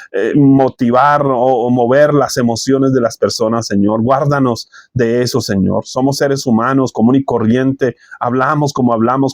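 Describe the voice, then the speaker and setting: A man leading a spoken prayer in earnest, measured phrases, often pausing to repeat "Lord" between clauses. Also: medium pitch, a little mellow, no echo, studio quality.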